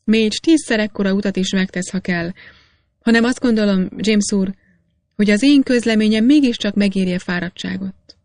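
A woman reading aloud, voicing a boastful, excitable old male master miner in a storybook. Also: medium pitch, no echo, close to an everyday voice. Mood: eager. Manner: boastful, insistent.

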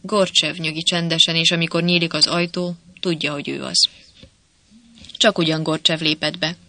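An audiobook narrator reading a novel in a steady, measured storytelling manner. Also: mid-range voice, no room sound. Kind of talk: scripted narration.

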